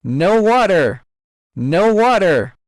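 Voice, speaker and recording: A male reader voices a bold young stone monkey, proud and joyful, calling out to his troop in repeated short cries. His pitch sits a little high and swings lively, and the delivery is slow, excited, and exaggerated. The recording is dry, with no echo or room sound.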